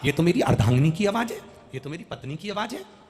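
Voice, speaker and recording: A man's voice: fairly high pitch, lively intonation, moderate pace, close to an everyday voice. A man voicing a poor, anxious husband and devotee in a religious story, speaking earnestly. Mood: astonished. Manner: worried, earnest. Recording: echoey hall with music behind.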